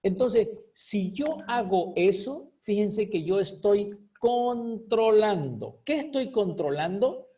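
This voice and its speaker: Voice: medium pitch, lively intonation, slow, hardly any pauses, mellow, far from the mic. A food quality control teacher giving a recorded class lecture. The teacher explains with rhetorical questions, often checks in with "ok?", and repeats key words for emphasis.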